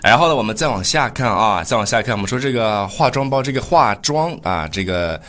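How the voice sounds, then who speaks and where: A man hosting a casual podcast lesson, patiently explaining pronunciation and slowly repeating example phrases. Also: mid-range voice, expressive, a bit bright. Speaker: host and pronunciation teacher.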